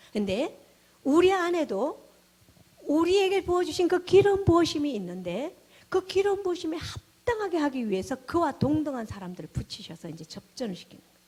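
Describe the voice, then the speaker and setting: A woman pastor preaching a sermon, swinging between hushed, almost whispered lines and loud, emphatic exclamations. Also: on the high side, breathy edge. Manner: animated preaching, dropping to hushed tones and rising to exclamations.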